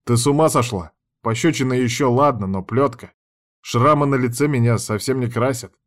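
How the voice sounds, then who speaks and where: A gruff, dominant young man who barks orders, as read by a male narrator. His voice is mid-pitched and commanding, in a plain audiobook reading. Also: moderate pace, lightly acted.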